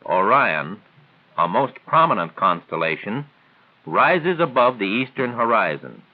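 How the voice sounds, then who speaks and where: Here a fairly low-pitched, very animated male voice reads instructional script with formal, measured, didactic phrasing, like a 1940s training film. It comes through a thin, band-limited period soundtrack that sounds narrow and tinny.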